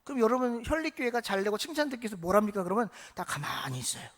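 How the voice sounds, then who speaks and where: A man preaching a Sunday sermon in church. He keeps asking the congregation questions and swings between loud emphasis and hushed asides. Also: high-pitched, very fast. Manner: lively, asks the congregation questions. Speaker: pastor. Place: church sanctuary.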